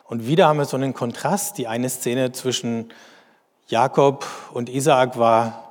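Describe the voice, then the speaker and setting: A man with a mid-pitched voice reads scripture with slow deliberation. Between passages he explains the text in measured commentary. His voice trails into a long reverb, as in a large hall. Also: fairly even intonation. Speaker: bible teacher.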